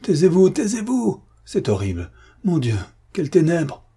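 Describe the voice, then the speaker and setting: A man's voice: medium pitch, normal speed, mellow, husky, natural voice. A man voicing a young army captain who breaks into anguished, frantic outbursts in an audiobook. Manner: cries out in raised, frantic outbursts.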